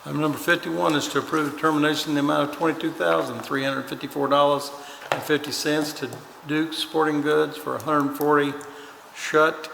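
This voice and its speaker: A man's voice: on the high side, little pitch movement, brisk, gravelly. A man presiding over a county court meeting, reading agenda items in a plain businesslike way. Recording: echoey chamber with long reverb and faint noise.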